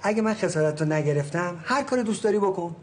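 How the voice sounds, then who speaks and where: A blustering real estate agent. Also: male voice, high-pitched, animated. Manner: soothing, then blustering and threatening. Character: blustering middle-aged male real estate agent, father.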